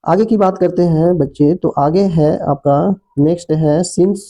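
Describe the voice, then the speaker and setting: A man teaching an exam-prep grammar lesson, addressing viewers as children and reading English examples out slowly. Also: fairly high pitch, dark tone. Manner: explanatory, addresses viewers as children, frequent tag questions. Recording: muffled lo-fi recording.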